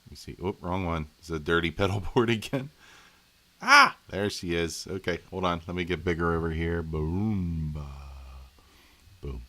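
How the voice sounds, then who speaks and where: A man with a deep, low voice chats casually on a live stream from home. He rambles in a friendly, folksy way and talks straight to his viewers. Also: expressive, brisk, bright, forceful tone.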